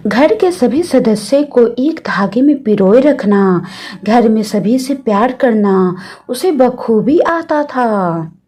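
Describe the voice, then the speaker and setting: A woman's voice: fairly high pitch, expressive, slow, mellow. A woman narrating a devotional story, reverently addressing the listeners again and again.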